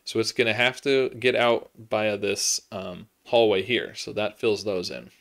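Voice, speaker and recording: A man's voice: lowish voice, a little slow, fairly bright tone. A man in his thirties hosting a puzzle tutorial, reasoning aloud step by step and counting cells, with frequent ums, recorded by a webcam at his desk in a small home room. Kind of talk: think-aloud puzzle walkthrough.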